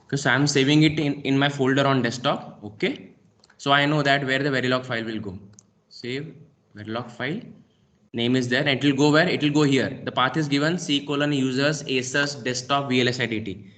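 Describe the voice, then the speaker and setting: A male lecturer with an Indian English accent narrates a screen-recorded lab demo, calling out each click and pausing on a steady "okay." His voice sits at a middle pitch for a man. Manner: talks through each click step by step, frequent "okay".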